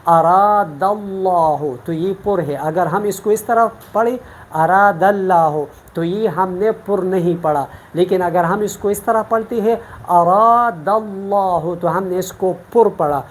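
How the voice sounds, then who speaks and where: A Pakistani woman teaches Quran recitation in an online lesson, patiently explaining each rule step by step. Her lowish, slightly mellow voice flows with hardly any pauses, and there's slight background noise.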